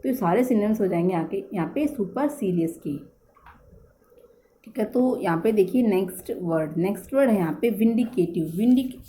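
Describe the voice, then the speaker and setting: A woman's voice: medium pitch, animated, moderate pace, warm tone, a little hiss or hum. A woman from India teaching English vocabulary in Hindi, repeating words and correcting herself as she goes.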